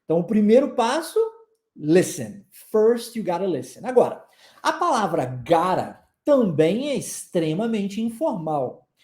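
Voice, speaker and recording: A man's voice: sits high, very animated, measured pace, a little mellow, echoey room. A man from Brazil, an English teacher, giving a chatty online lesson and having listeners repeat phrases.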